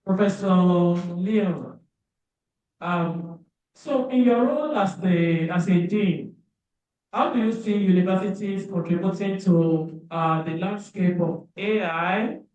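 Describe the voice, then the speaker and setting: A man moderating a panel, asking questions slowly with pauses. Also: high-pitched, a little mellow. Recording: distant, very echoey, dull audio.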